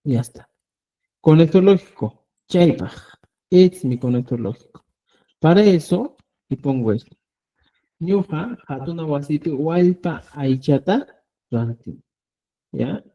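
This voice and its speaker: Slow, dark-voiced language teacher. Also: male voice, a little high, animated, lo-fi sound. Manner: slow, patient, keeps checking with "¿ya?". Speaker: Quechua teacher. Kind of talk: online language lesson.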